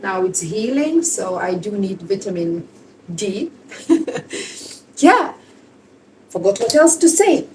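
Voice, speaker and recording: A woman's voice: medium pitch, sing-song, slow, pauses often, a little mellow, far from the mic, slight background noise, rough recording. A woman in her forties from Lithuania, with a Lithuanian accent, chatting casually in a vlog in slightly broken English. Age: 40s. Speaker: vlogger.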